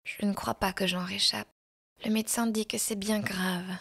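A woman's voice: mid-range voice, measured pace, natural voice. A woman voicing a sick, tearful young woman who speaks in breathless, emotional pleas, in a storybook reading. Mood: weary.

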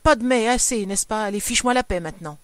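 A woman reading a story aloud, voicing a scornful, nagging middle-aged wife in a shrill, scolding voice. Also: a little fast, no echo, natural voice.

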